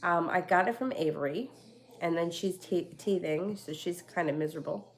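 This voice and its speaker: At home on a casual tarot live stream, a woman reads cards in a low, stuffy voice thick from a cold. She speaks at a moderate pace, rambling and chatty, full of fillers and restarts.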